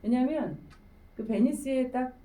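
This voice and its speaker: A woman's voice: high-pitched, a little slow, dark tone, recorded from a distance, poor audio. A woman giving a public lecture in a conversational, storytelling way, often asking the audience questions. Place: lecture room.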